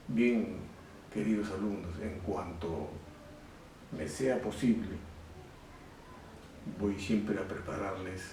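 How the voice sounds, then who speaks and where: A man with a Peruvian Spanish accent teaching a recorded grammar lesson to secondary students, slowly and deliberately, repeating his example sentences. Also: fairly low pitch, mellow, far from the mic. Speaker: secondary school language teacher. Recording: very echoey room, voice off-mic, faint hiss.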